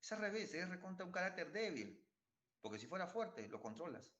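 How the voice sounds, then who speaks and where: A man's voice: high-pitched, very animated, a little fast, fairly bright tone, roomy sound, dull audio. A man pastor preaching a sermon, emphatic and repetitive, full of rhetorical questions.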